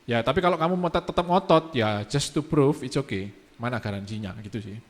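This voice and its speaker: A man, speaking as a guest in a casual church youth talk, relaxed and mixing in English phrases. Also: mid-range voice, brisk.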